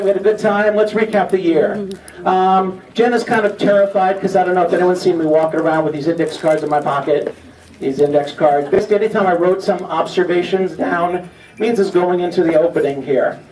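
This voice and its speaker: A high-voiced man with a darkish tone talks a little fast as he warms up a gathering. He's an auctioneer working as emcee, delivering a joking, spontaneous monologue full of teasing. The sound is echoey and distant, with audience noise from the large room behind him.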